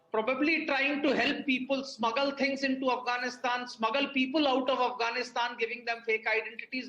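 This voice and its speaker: A man's voice: very high voice, pushed and bright. A man with an Indian accent giving analytical commentary as a guest on a news programme. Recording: echoey room sound.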